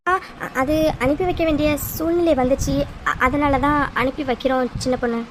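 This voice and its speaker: A woman's voice: sits high, moderate pace, a little hiss or hum, lightly acted. A woman doing a worried mother. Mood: anxious. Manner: hesitant, stammering. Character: worried middle-aged village mother. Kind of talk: cartoon voice acting.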